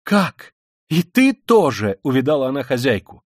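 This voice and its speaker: A man voicing a hysterical, furious widow who screams insults in a high, frantic voice. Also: expressive, normal speed, dry recording, clean studio sound. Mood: frantic rage.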